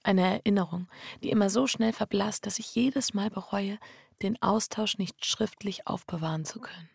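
An actress in an intimate first-person radio drama plays a restless, introspective wife confessing to an affair. Her medium-pitched voice has a darkish, slightly rough tone with vocal fry, delivered at normal speed in a subdued mood. The sound is clean studio audio with no echo.

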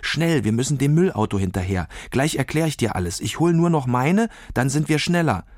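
A man's voice: mid-range voice, lively intonation, a little fast, darkish tone, dry recording, clean studio sound, pitched above the performer's own voice, lightly acted. A man reading a children's story aloud, voicing an eager, brave young girl who talks in an urgent, insistent way.

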